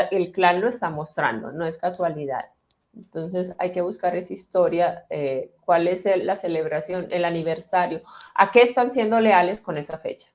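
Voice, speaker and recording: A woman therapist explaining family patterns in conversation, calm and deliberate, slowing down as she guides listeners through a healing exercise. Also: medium pitch.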